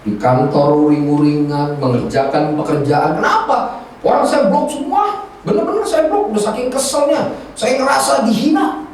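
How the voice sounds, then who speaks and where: A male pastor preaching a sermon, telling stories in a lively, colloquial way. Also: sits high, normal speed, slight background noise. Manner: animated storytelling, colloquial Jakarta slang. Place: church hall. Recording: distant echoey church hall recording.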